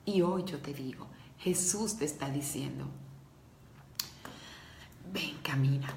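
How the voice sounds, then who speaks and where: A woman's voice: low-pitched, moderate pace, gravelly, dark tone, echoey room, slight background noise. Earnest woman preaching. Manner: emotional, earnest, addresses listeners directly. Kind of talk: devotional talk to women.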